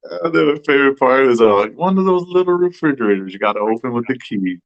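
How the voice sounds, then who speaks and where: A man's voice: medium pitch, lively intonation, fast talker, creaky, no room sound. A man from the Tohono O'odham Nation, a guest musician chatting casually and swearing now and then. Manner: laid-back, swears casually. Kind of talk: casual chat. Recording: slightly dull, dry sound.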